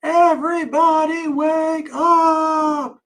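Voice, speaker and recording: A man voicing a cheerful little girl who yells to wake everyone up, stretching out her high, loud call. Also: expressive, moderate pace, distant mic. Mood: yelling gleefully.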